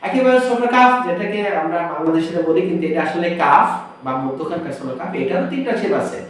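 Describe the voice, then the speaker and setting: A man teaching Arabic letter pronunciation, explaining step by step and drawing out each sound slowly to demonstrate it. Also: fairly high pitch, lively intonation, recorded from a distance, a little hiss or hum. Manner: asks the viewer questions, then answers them himself. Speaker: Quran teacher. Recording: very echoey room, voice from off the mic.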